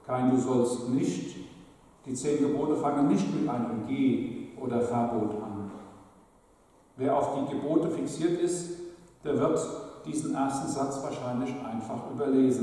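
A man giving a sermon as a lay preacher, measured and emphatic, with pauses for weight. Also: mid-range voice, dark tone, far from the mic. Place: church. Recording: echoey church recorded from afar.

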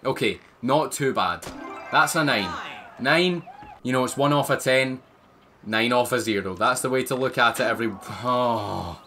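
A man's voice: mid-range voice, moderate pace, pushed and bright, faint music behind. A man giving playful let's-play commentary as a gaming YouTuber, joking and exclaiming at the screen.

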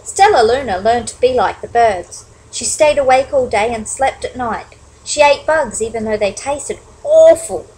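A woman reading a children's picture book aloud, expressive, with chatty asides to young listeners. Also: on the high side, moderate pace, hardly any pauses, poor audio. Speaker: storybook reader. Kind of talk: children's story read-aloud.

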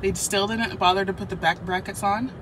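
A chatty young woman rambles to her camera with her fingers pulling at her mouth, so her words come out a little muffled. Her voice sits at an ordinary middle pitch. Car and traffic noise hums clearly behind her. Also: steady tone, fairly quick. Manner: chatty, rambling with many fillers. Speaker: vlogger. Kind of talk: casual chat to camera.

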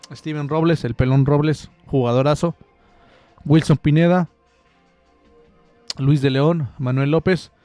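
A young football commentator jokes and rambles his way through an analysis, restarting frequently, speaking close to a studio mic with headphones in a small room. His pitch is fairly high but his tone dark, and the sound is dry.

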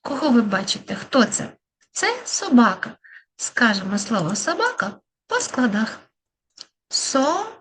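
Woman speech therapist, children's lesson, slow and sing-song, slightly high, faint hiss behind. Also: sing-song, fairly bright tone. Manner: slow, syllable-by-syllable, encouraging teacher talk.

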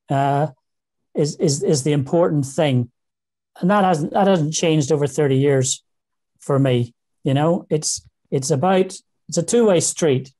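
A man's voice: on the high side, dark tone. A man in his sixties from Northern Ireland with a Northern Irish accent, a guest on a video call in a small room, talking casually and often repeating words as he thinks aloud. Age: 60s. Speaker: interview guest. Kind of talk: casual interview talk. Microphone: video call webcam.

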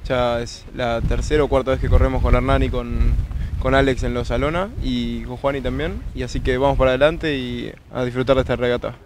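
Relaxed man from Argentina, noisy outdoors. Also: medium pitch, brisk. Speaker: sailor.

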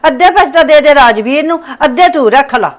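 Woman acting as older mother-in-law, pleading, defensive, high voice, quick speech. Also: expressive. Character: older mother-in-law who hides pension money. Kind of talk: village family short film acting.

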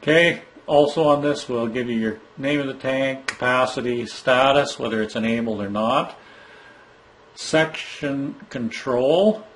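Speaking from behind a handheld camera in an indoor room, a product trainer walks step by step through a monitor's setup screens. His mid-range voice is unhurried and fairly bright, with a little hiss or hum, and his plain, instructive delivery includes some fillers and restarts.

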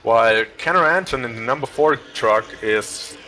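A man's voice: medium pitch, animated, moderate pace, noisy background. A man co-commentating a live racing stream, reading out standings in rambling play-by-play with jokey asides. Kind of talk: casual race commentary.

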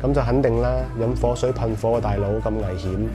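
A man with a Cantonese accent talks quickly and wryly as he tours a street at night, teasing his companion and offering opinions. His voice sits at a middle pitch. Loud bar music thumps behind him. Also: fairly even intonation. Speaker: vlog host. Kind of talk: walking tour commentary. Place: busy nightlife street outdoors. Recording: music blaring from street bars.

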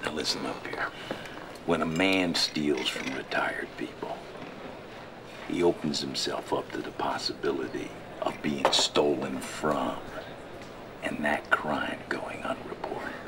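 An actor playing a crooked, scheming old small-town lawyer who talks in a smooth, folksy, often hushed and whispery way. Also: male voice, a bass voice, steady tone, moderate pace, few pauses, heavy background noise. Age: older.

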